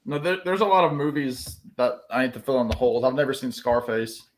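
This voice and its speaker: A man's voice: medium pitch, lively intonation, fairly quick. A man in a casual chat who talks in an easygoing way with hesitant restarts.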